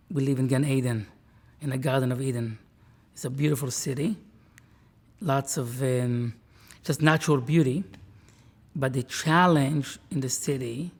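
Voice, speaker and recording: Husky rabbi in his forties. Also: mid-range voice, darkish tone. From Israel. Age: 40s. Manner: earnest, measured, with restarts. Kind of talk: interview, reflective talk.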